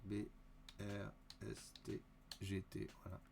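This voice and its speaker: A man with a Vaudois Swiss French accent thinks aloud and counts under his breath while playing a solo board wargame. His voice is low-ish, monotone, slow and creaky, with a noisy background.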